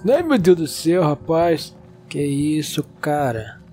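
A young man with a Brazilian Portuguese accent, excitedly narrating a video game and talking to its characters. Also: fairly high pitch, slow, soft background music. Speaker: gaming YouTuber. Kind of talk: let's-play commentary.

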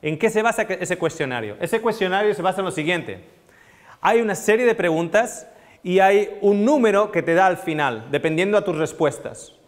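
A man in his thirties lectures a small live audience on nutrition, with a somewhat high voice, leaning into questions to the room. His lapel mic catches the long reverb of the hall around him. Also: moderate pace. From Spain. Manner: animated, asks the audience questions, gestures a lot. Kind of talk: live seminar talk to an audience.

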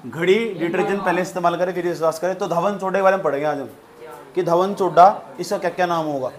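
A man with a fairly high voice teaches science in a classroom. He drills each term by saying it twice and keeps checking whether his students follow. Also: steady tone, fast talker. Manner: repetitive, drills terms, quizzes students. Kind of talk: classroom lecture.

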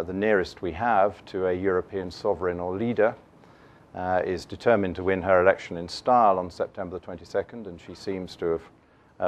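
A middle-aged man giving a keynote on markets from a lectern, measured and dotted with fillers and restarts. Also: deep voice. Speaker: investment keynote speaker. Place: conference room, standing at a lectern.

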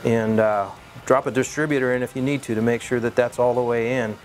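A man, a head engine builder, calmly walks through a shop how-to demonstration in plain, measured technical terms. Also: medium pitch, a little hiss or hum.

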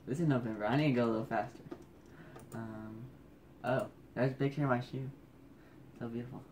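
A man's voice: medium pitch, fairly even intonation, fairly quick, a little mellow, a little hiss or hum. A man vlogging casually at home at night, keeping his voice down so he won't wake the house, rambling and joking at his own expense as he scrolls through old photos. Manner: rambling, self-mocking.

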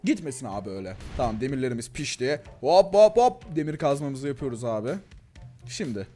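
Excitable young man with a lively voice. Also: fairly quick, faint music behind. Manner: excitable, chatty, talks to viewers as "gençler" and "abi", frequent laughs; voice swings between thin and deep registers. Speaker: gaming YouTuber. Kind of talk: casual Let's Play commentary.

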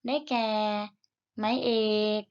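In a recorded reading lesson for little kids, a Thai woman who teaches primary school models each sound slowly and carefully for repetition. She speaks in a gentle, encouraging way, though the audio sounds dull.

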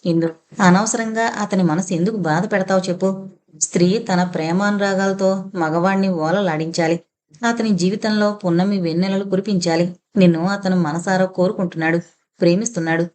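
Coaxing maid type in an audio novel, woman narrator doing her, reasoning gently, lowish voice. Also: steady tone, moderate pace, natural voice. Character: persuading female household attendant, motherly advisor.

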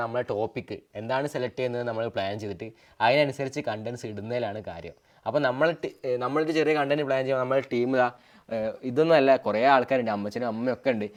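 A man hosting his family vlog, chatting and quizzing family members about acting. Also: medium pitch. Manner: chatty, interviewing family members, advice to creators. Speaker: family vlog channel host. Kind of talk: casual family vlog chat.

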